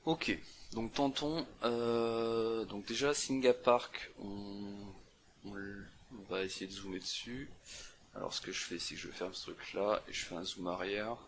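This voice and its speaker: A young man presents a CTF walkthrough, casually talking through a map puzzle on screen in a screen-recorded session. His voice is on the low side and measured in pace, with slight background noise, and he thinks aloud with many fillers and restarts.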